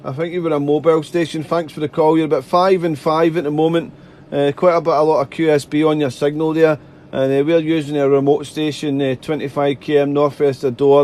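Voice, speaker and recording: A man's voice: on the high side, little pitch movement, brisk, a little mellow. A man making amateur radio contacts, chatty and polite, repeating himself and spelling out callsigns phonetically. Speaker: amateur radio operator, live streamer. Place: radio desk indoors.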